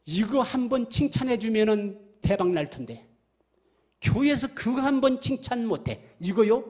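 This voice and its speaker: An older man, a church elder, giving a lively evangelism testimony in church, telling stories, acting out quoted dialogue and putting questions to the congregation. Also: high voice, slightly rough.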